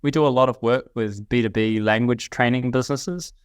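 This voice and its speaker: A man speaks as an interview guest, his voice smooth and clear. He talks in a thoughtful, reflective way, often restarting his sentences. The sound is close and dry, with no room around it. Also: medium pitch, fairly quick, dry recording. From New Zealand. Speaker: guest, company CEO. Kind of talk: casual interview chat.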